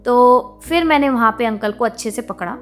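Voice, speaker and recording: Young woman vlogger, higher voice, outspoken and indignant rant, faint music underneath. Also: a little fast. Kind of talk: venting monologue to camera.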